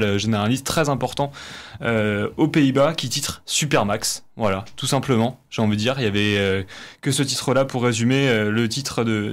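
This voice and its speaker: Hesitant man reading sports press. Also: medium pitch. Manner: hesitant, many fillers and restarts. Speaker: press review presenter on student radio. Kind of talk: radio press review.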